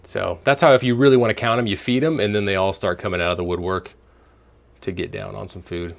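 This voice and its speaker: A man's voice: on the low side, steady tone, fast talker, vocal fry. A man giving a casual, informal walk-through in vlog style, rambling and thinking aloud as he guides the viewer. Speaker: tour guide. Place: indoors, workplace rooms. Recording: faint room and air-conditioning noise.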